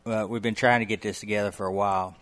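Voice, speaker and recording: A man's voice: lowish voice, fairly even intonation, fast, a bit bright. A man co-hosting a casual podcast, talking in a folksy, enthusiastic, rambling way. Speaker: podcast co-host. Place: guest's home on the coast.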